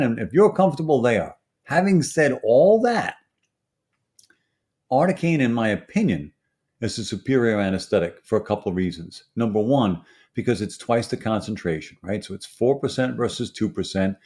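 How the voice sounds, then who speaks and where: A man's voice: mid-range voice, darkish tone. A man with a Brooklyn accent gives a conversational expert explanation in an emphatic, teacherly way, often checking in with short tag questions. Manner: emphatic teacherly delivery with frequent tag questions like "right" and "okay". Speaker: dental pharmacology expert guest.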